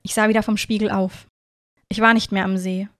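A woman reading a first-person short story aloud and hosting her story podcast, in a calm, even storytelling manner. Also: mid-range voice, fairly quick, no room sound, studio quality. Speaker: story reader and podcast host.

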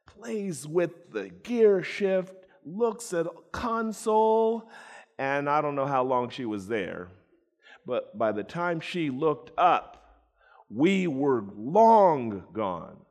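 A man preaching a storytelling sermon, animated, acting out voices and addressing listeners by name. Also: a little high, slow pace. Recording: long reverb in a large hall.

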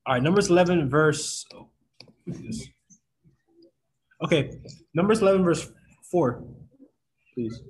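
A man's voice: fairly high pitch, unhurried, long pauses, rough recording. A man teaching a Bible lesson to a group in a casual way, often checking in with his listeners. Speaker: youth Bible study leader.

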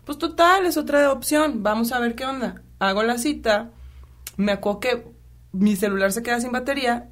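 A woman's voice: fairly high pitch, normal speed. A woman with a Mexican accent telling a personal story in casual conversation, animatedly acting out what others said. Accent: Mexican Spanish. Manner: animated retelling, acting out quotes, many fillers.

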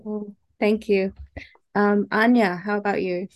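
A woman's voice: medium pitch, steady tone, a little slow, no echo. A woman teaching an online English group lesson, patiently prompting each student to introduce themselves.

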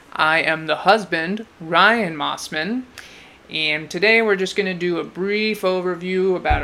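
A man's voice: a little high, gravelly, bright, forceful tone. An American man co-hosting a podcast in a casual, dryly joking way. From California, United States. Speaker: podcast co-host.

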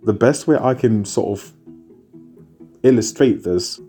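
Faint music plays behind a Zimbabwe-born, UK-raised content marketing speaker as he talks through content strategy. His lowish, mellow voice moves unhurriedly, and he's repetitive, layering repeated phrases into emphatic lists.

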